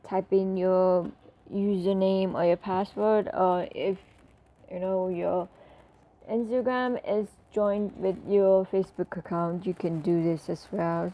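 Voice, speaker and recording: A woman's voice: on the low side, highs cut off. A woman talking through an app tutorial as a casual voice-over, chatty and full of fillers as she walks through each step. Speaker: tutorial presenter.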